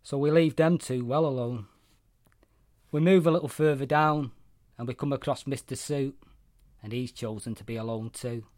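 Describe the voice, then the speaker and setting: A man's voice: mid-range voice, moderate pace, pauses often, darkish tone, no room sound, clean studio sound. A man with a Mancunian accent reading his own first-person short story aloud, blunt, sweary and wry.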